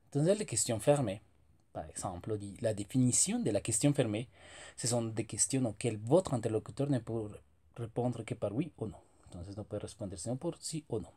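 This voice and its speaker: Mellow husky man teaching grammar. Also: fairly low pitch, animated. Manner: slow, careful reading of French example sentences. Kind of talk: explaining grammar in Spanish with French examples.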